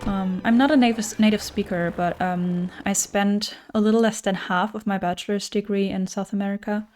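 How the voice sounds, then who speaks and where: A young woman from a German-speaking background, with a German accent, chats casually on a livestream, answering viewer messages and thinking aloud with frequent fillers. Her medium-pitched, darkish voice stays fairly even at a normal speed, with faint music behind her.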